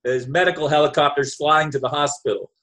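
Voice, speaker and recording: Measured man hosting a casual talk. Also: a little high, fairly even intonation, a bit bright. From New Jersey. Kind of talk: casual chat.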